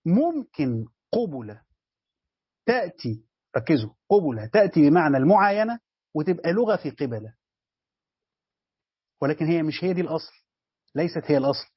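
Husky Egyptian male teacher, fast-paced. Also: a little high, no echo, lo-fi sound. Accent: Egyptian Arabic. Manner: explains step by step, repeats words, addresses students directly. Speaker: Islamic studies teacher. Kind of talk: lesson commentary on a tafsir text.

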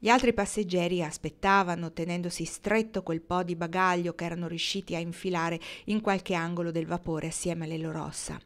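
A woman reading a novel aloud in a measured, expressive storytelling manner. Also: fairly low pitch. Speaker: audiobook reader.

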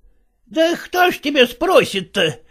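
A woman reading a story aloud, voicing a sharp, coarse old mother scolding her grown daughters. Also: high voice, big pitch swings, slow pace, heavily acted. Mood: scornful. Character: scolding old widowed mother of two spinsters. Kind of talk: audiobook character voice.

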